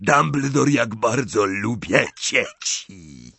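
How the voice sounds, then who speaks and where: A man voicing a savage werewolf man with a hoarse, barking voice and slow mocking menace. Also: medium pitch, big pitch swings, bright, forceful tone, no room sound, exaggerated voice. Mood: menacing.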